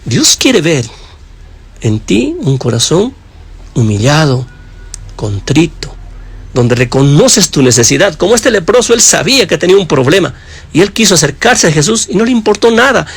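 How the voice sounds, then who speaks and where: A man preaching a sermon with passion, addressing his listeners directly and swinging between raised high emphasis and low hushed phrases. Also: big pitch swings, normal speed, vocal fry, breathy edge.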